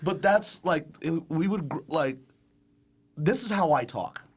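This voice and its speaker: A man from England chats casually in a fairly high voice. He tells animated stories and keeps slipping into impressions of the people he talks about. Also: measured pace, breathy edge. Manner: animated storyteller, mimics other people's voices and accents. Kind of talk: casual chat.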